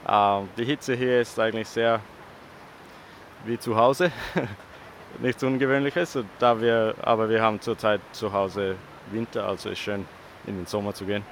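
Man from Western Australia, deep voice, hesitant vox-pop answers outdoors, light traffic noise. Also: a little slow. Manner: relaxed, hesitant with fillers. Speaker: interviewee. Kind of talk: street interview. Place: outdoors by a river in a city.

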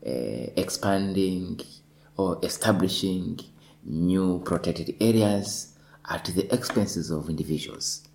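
A man from Tanzania, a lawyer, speaking in a measured way in a discussion and repeating words as he thinks. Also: sits low, vocal fry, darkish tone, low-quality recording. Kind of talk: panel discussion.

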